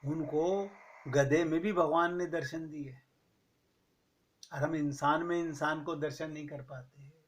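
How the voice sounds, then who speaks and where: Slow, measured male spiritual teacher. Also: on the high side, steady tone. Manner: slow, measured preaching with emphatic rhetorical questions; recites verse slowly. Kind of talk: Hindi satsang discourse.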